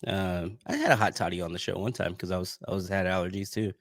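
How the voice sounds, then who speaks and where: A man co-hosting a soccer podcast in casual chat, sounding stuffy and congested from allergies, tired and low-key. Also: fast talker, no room sound, clean studio sound. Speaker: podcast co-host.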